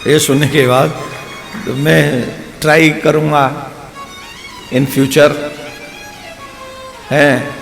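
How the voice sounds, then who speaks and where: Male devotional preacher, Braj Hindi accent, slightly high voice; playful storytelling sermon in a long-reverb hall. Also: little pitch movement, very slow, gravelly, long pauses, fairly bright tone, faint music behind. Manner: storytelling with playful asides to the audience. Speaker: spiritual preacher.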